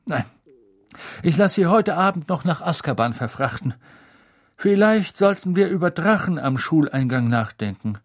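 A man's voice: on the high side, expressive, normal speed, no room sound, studio quality, voice pushed up. A man reading an audiobook, voicing a flustered, fretful middle-aged male official.

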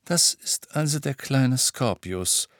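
A man voicing a teasing young father with a slow drawl in an audiobook reading. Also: medium pitch, lively intonation, a bit bright, dry recording, studio quality, voice pushed up.

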